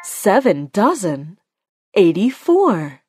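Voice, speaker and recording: A woman working as a bingo caller, announcing each call deliberately in short, separate phrases. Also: medium pitch, sing-song. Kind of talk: bingo calling with rhyming nicknames, announced number by number. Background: music.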